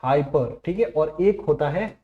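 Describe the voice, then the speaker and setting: A man teaching an exam-prep lesson, explaining in Hindi and reading the English examples out slowly. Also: fairly high pitch, animated. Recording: dull echoey room recording.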